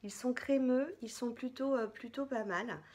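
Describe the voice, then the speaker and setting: A woman's voice: on the high side, normal speed, darkish tone. A woman beauty vlogger chatting casually through a product haul, chatty and hesitant, with many fillers.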